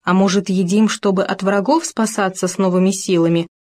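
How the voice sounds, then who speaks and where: A woman's voice: mid-range voice, steady tone, brisk, darkish tone, natural voice. A woman reading a storybook, voicing a stingy, bossy male hare who blurts out answers.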